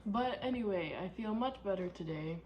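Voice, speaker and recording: A woman's voice: mid-range voice, animated, normal speed, dull audio, a little hiss or hum. A woman talking casually in a personal vlog, candid and rambling, often repeating herself for emphasis. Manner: candid, rambling, with frequent repetition. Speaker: vlogger.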